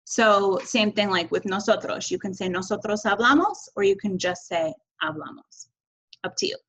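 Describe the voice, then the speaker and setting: A woman's voice: medium pitch, normal speed, fairly bright tone, poor audio. A woman teaching Spanish verb conjugation in a recorded video lesson, upbeat and encouraging, chanting endings.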